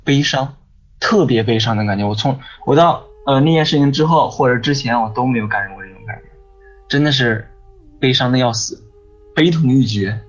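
A man with a husky, breathy voice tells a long personal story, circling back and repeating himself. The sound is dull and lo-fi, with faint music underneath. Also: medium pitch, fairly quick. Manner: rambling, repeats words, frequent "你知道吗". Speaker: guest. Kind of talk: casual storytelling on a ghost-story podcast.

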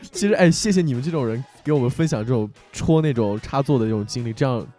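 A man's voice: mid-range voice, a little fast, soft background music. A young man hosting an audio show, telling funny stories in casual chat and laughing often. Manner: animated storyteller who laughs often. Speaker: show host.

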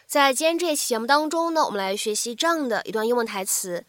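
A woman teaches an English lesson in a fairly high, lively voice. She breaks points into short chunks and says each phrase again slowly. The sound is dry and close. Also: no echo.

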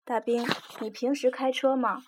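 A woman voicing a middle-aged male doctor who talks calmly and matter-of-factly. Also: high voice, moderate pace, background noise, natural voice. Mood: sympathetic.

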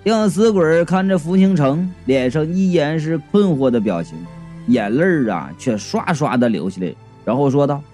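A man narrating a comic ghost story in a lively, colloquial way, voicing the characters. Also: fairly high pitch, normal speed, soft background music.

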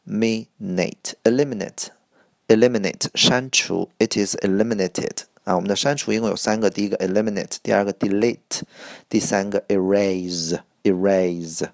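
Deep gravelly male vocabulary teacher. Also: no room sound. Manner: repeats each word slowly, explains in Chinese. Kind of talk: IELTS vocabulary lesson.

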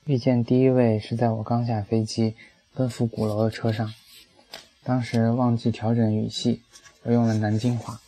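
A man's voice: medium pitch, little pitch movement, moderate pace, dark tone, poor audio. A man reading a personal essay aloud as an audiobook, telling it in a wry, dry way. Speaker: narrator.

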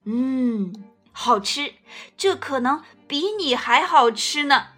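A woman's voice: sits high, animated, slow pace, pushed and bright, faint music behind, heavily acted. A woman voicing a big, hungry male T. rex in a picture-book read-aloud, blunt and hesitant. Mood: gruff, gentle.

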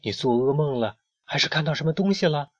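A gentle hen in a children's storybook, soothing a friend in soft tones, as a male storyteller puts her on. The sound is dry and muffled. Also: fairly high pitch, animated, brisk, no echo, voice pushed up. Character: gentle caring hen, calm and kind. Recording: dull lo-fi recording.

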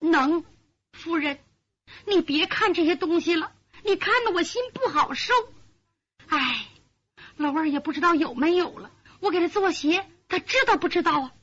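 A woman storyteller voicing a young maidservant who is gentle and soothing. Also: very high voice, normal speed, lo-fi sound, voice pushed up. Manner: soothing, coaxing.

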